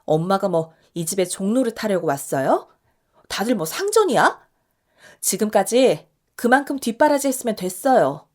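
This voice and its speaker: A woman voicing an adult daughter who loudly and passionately stands up for her mother in a radio story drama. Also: medium pitch, animated, slow. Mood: indignant. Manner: loud, impassioned pleading. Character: indignant, protective adult daughter.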